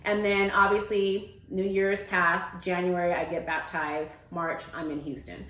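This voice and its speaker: Low-voiced woman telling a story, echoey room. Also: a little slow. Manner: animated, mimics quoted people in a higher voice. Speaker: guest. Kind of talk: casual storytelling.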